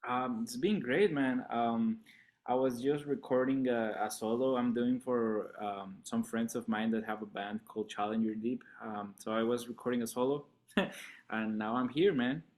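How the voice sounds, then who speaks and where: A man from Colombia, a guest musician in a casual interview chat, relaxed and laughing often, talking with many fillers. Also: medium pitch, moderate pace.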